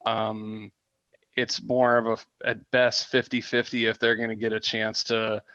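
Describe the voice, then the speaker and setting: Flat-voiced man on a dull dry mic. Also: lowish voice, unhurried, clear, resonant tone, no echo. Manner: hesitant restarts while giving opinions. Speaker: guest analyst. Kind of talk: casual sports talk.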